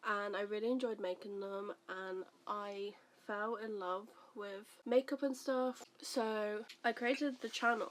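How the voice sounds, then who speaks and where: A vlogger in her twenties, recovering from the flu, sounds nasal and congested as she rambles through a chatty get-ready-with-me video, doing her makeup at a mirror with the camera facing her. She answers viewer questions in a chaotic, self-deprecating way, her voice medium-pitched over slight background noise.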